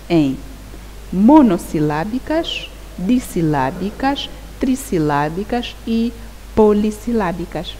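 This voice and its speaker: A woman teacher explains a grammar lesson at an unhurried, deliberate pace. Her pitch moves in wide, lively swings as she keeps asking the class whether they follow. The recording carries a long reverb tail and a faint, steady hiss. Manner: slow, deliberate, repeats key words and asks "Perceberam?". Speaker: primary school teacher.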